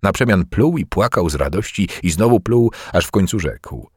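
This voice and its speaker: A man reads a story aloud in the first person with measured, theatrical delivery. His voice sits fairly low and moves with lively, animated intonation. The recording is close and dry. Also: slightly rough, dry recording. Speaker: audiobook narrator. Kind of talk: expressive first-person audiobook reading.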